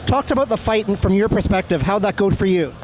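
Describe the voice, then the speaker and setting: High voiced guy doing a post-fight interview, friendly, chatty, bit of noise behind him. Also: animated, fast talker. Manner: friendly, explanatory, complimentary. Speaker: sports interviewer. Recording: faint urban ambient noise behind.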